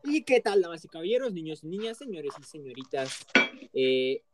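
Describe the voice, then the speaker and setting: A man's voice: high voice, sing-song, a little fast, very noisy. A man with a Mexican accent hosting a podcast, greeting the audience in a grandiose, playful ringmaster style. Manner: grandiose, playful announcer delivery. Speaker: podcast host.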